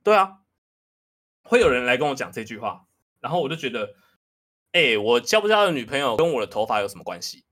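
Young male podcast host, animated, pitch rising and falling freely, candid casual chat. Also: a little fast, long pauses. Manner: candid, animated, self-deprecating.

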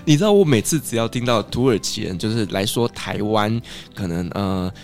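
A man chats as co-host of a podcast in a recording studio, reacting bluntly to the stories he hears. His voice sits on the low side, with faint music in the background. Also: animated, moderate pace, darkish tone. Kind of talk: casual podcast chat.

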